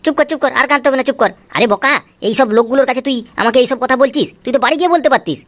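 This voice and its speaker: A woman doing a two-faced cartoon father. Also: racing. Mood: coaxing. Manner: coaxing aloud, cursing in low mutters. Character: scheming father, sweet to son, grumbling aside. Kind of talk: Tweencraft cartoon voice acting. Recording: music playing behind the voice.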